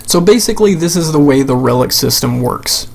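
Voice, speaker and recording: A man's voice: on the high side, lively intonation, brisk, vocal fry, darkish tone. A man giving an unscripted, blunt and sweary rant as commentary over a video game, sounding exasperated. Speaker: gamer making a rant video.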